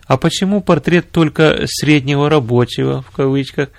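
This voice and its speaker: A man's voice: on the high side, moderate pace, creaky, dry recording, clean studio sound. A man voicing an earnest male minister who explains scripture patiently.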